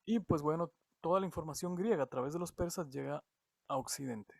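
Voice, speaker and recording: A man from Latin America giving an online music theory lesson, halting and often repeating words as he explains. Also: a little high, vocal fry, a little mellow, no echo, clean studio sound. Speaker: music teacher.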